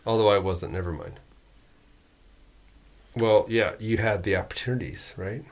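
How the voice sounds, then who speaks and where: Easygoing man with a low voice. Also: unhurried. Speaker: podcast co-host. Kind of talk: casual chat.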